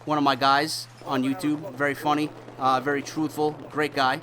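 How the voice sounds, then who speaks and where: A man's voice: a little high, moderate pace. A young man from New York, a gaming YouTuber, ranting and mocking commenters in a voice-over over gameplay. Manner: animated, mocking, ranting delivery. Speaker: gaming YouTuber reading hate mail.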